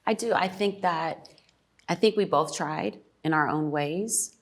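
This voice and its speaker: A middle-aged woman talking about family and sacrifice, reflective and a little emotional, pausing often to think. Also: lowish voice. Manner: reflective, pauses with ums. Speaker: mother, podcast guest.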